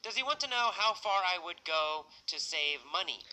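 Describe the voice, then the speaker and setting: Bright-voiced male teacher, patient. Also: sits high, expressive, a little hiss or hum, low-quality recording. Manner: slow, patient, repeats and asks simple questions. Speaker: English teacher. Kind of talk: story-based language lesson.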